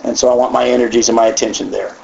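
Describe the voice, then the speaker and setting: A man from the United States teaching the Bible in a conversational way, animated and folksy, with frequent asides and repeated words. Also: mid-range voice, very fast, creaky, slight background noise. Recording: echoey, dull lo-fi room sound.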